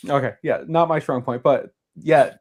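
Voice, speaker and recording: A man in his thirties with a New England accent, a guest co-host joking in an animated way in casual podcast chat. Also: mid-range voice, crowd noise. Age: 30s. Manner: animated, jokey, quick laughs.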